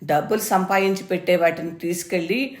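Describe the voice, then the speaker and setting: A woman's voice: on the low side, fairly quick, lightly acted. Bullying grown son, pushy and scornful, as a woman storyteller puts him on, raised and strained, in a roomy space. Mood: mocking. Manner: mocking, pushy, loud. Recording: roomy echo.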